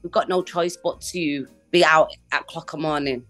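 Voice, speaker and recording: A woman's voice: deep voice, fairly even intonation, moderate pace, a bit bright, faint music behind. Chatty laughing English woman. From England. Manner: chatty, laughs often, repeats phrases. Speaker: guest musician. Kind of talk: casual video-call interview. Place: living room with a Christmas tree. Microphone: phone video call.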